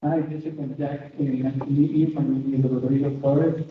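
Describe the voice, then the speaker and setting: A man's voice: mid-range voice, level tone, brisk, slight background noise. A man from Ecuador, asking a question in a webinar hesitantly, with frequent restarts. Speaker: audience member asking a question. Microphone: video call. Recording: echoey room, tinny phone-like line from far off.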